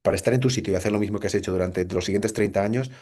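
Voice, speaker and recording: A middle-aged Spaniard with a Spanish accent records a reflective lecture into his computer mic, full of rhetorical questions and restarts. His voice is fairly low and dark in tone, and he speaks very fast.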